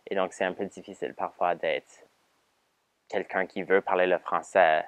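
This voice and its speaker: A man's voice: low-pitched, steady tone, moderate pace, no echo. A teenage boy with a Franco-Ontarian accent, answering interview questions casually, hesitant with many fillers and English words slipped in. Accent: Franco-Ontarian French. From Ontario, Canada. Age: teens. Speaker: student songwriter.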